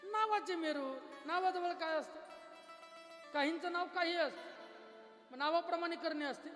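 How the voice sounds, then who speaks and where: A man from Maharashtra preaching a kirtan. He tells the story in an animated way, chants verses and asks the crowd rhetorical questions. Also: extremely high pitch, normal speed, soft background music. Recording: echoey hall, faint instruments.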